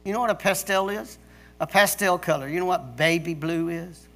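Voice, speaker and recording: A middle-aged man preaching a sermon as pastor, emphatic, with pauses and restarts. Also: high voice, fairly bright tone.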